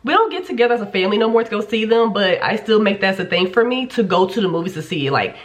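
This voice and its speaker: In this laid-back get-to-know-me vlog, a twenty-something woman from Kansas City, Kansas, speaks openly at a rapid-fire clip. Her mid-range voice is expressive and a bit nasal from a cold, and her talk is full of fillers and casual swearing.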